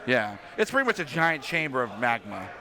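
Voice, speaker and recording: A man's voice: mid-range voice, sing-song, bright, forceful tone. A man casting an esports event at a studio desk, joking and bantering playfully with his co-caster. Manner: joking, playful, quick asides. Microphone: desk microphone.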